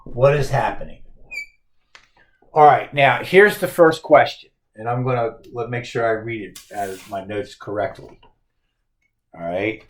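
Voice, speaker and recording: A man's voice: medium pitch, a little slow, pauses often. A male teacher lecturing on a poem, posing emphatic rhetorical questions.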